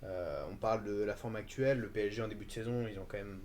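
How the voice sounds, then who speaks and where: A man's voice: on the low side, steady tone, quick pace, a little mellow, slight background noise. A man answering as a football pundit on a live stream, hesitant with frequent fillers. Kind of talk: casual live-stream discussion.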